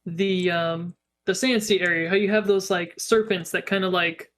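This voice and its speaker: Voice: medium pitch, steady tone, normal speed, fairly bright tone. A young adult co-host in a casual podcast chat, talking hesitantly with many fillers.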